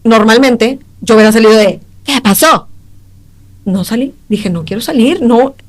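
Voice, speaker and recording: A young woman with a Mexican accent, a podcast guest giving an emotional personal testimony in halting speech, acting out the exchanges she recalls. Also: fairly high pitch, darkish tone. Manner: emotional, halting retelling that acts out quoted exchanges.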